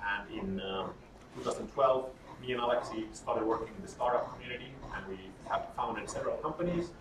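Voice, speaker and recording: A man's voice: medium pitch, fairly quick. Man, 30s, casual joking workshop speaker, heard from afar in a roomy space. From Sweden. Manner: candid and joking, with frequent fillers. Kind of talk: informal workshop talk. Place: workshop room. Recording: roomy, distant mic, audible noise.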